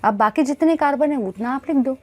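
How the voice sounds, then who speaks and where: High-voiced woman teaching chemistry. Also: a little fast, slight background noise. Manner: repeats questions and answers them herself, coaxing; addresses students as bhai and guys. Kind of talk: classroom lecture to students.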